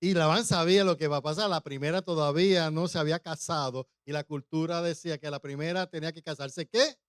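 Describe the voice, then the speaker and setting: A man's voice: a little high, fairly even intonation, a little fast, clear, resonant tone, dry recording, clean studio sound. A male pastor preaching a humorous sermon, often putting questions to the congregation.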